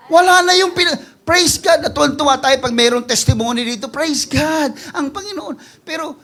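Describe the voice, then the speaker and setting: A pastor with a Filipino accent, preaching to a church congregation. He swings between hushed pleading and loud, shouted exclamations, and jokes playfully with the people. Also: very high-pitched. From Philippines. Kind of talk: energetic preaching sermon.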